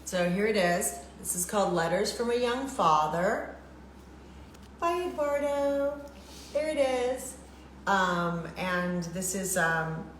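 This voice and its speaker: A middle-aged woman hosts a relaxed chat, rambling warmly with lots of ums and repeats. Her voice sits a little low, in a reverberant room with a faint hiss underneath. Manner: chatty, lots of fillers and repeats. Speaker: show host. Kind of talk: casual livestream chat. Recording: echoey room with faint noise.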